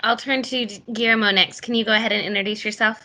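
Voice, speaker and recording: A woman moderates a virtual panel and hands off to each guest in quick, upbeat turns. Her voice is bright and forward. Its pitch is average for a woman. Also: fairly even intonation. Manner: upbeat, quick hand-offs. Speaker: roundtable moderator. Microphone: computer mic on a video call.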